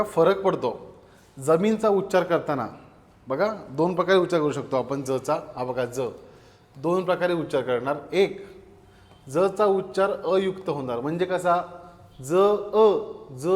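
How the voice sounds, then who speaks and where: Man teaching a grammar lecture, fairly high voice, asks questions and answers them himself, long reverb. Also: normal speed.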